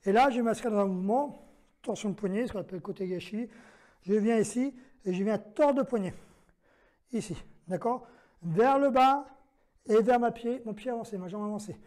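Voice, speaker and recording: A man with a fairly high, darkish voice teaches a self-defense lesson at a moderate pace. He demonstrates each move, breaking it down step by step, counting the moves aloud and checking in with "d'accord?".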